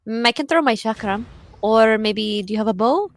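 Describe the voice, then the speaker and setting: A woman's voice: a little high, normal speed, no echo. A woman playing a tabletop game, talking through tactics in an easygoing way. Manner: plans tactics aloud, easygoing. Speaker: player. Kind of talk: casual tabletop game play.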